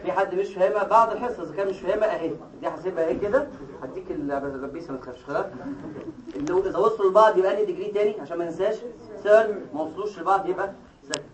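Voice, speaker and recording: Egyptian guy lecturing fast, kinda high voice, quizzing the class, echoey hall far from the mic. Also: a crowd in the background. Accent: Egyptian Arabic. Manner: explains step by step, quizzing students with quick questions. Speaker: medical lecturer. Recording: echoey hall, taped from afar.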